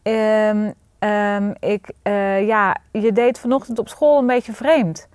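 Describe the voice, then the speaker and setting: A woman's voice: mid-range voice, steady tone, darkish tone, clear, resonant tone, no room sound, lightly acted. Stammering storybook boy, a woman reading him, dry sound. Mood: shy. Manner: hesitant, full of pauses and fillers. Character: shy stammering young boy.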